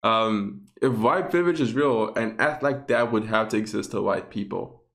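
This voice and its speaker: A man's voice: lowish voice, normal speed, vocal fry, fairly bright tone. A man hosting his own vlog, giving casual, sarcastic opinion commentary straight to his viewers. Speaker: vlog host.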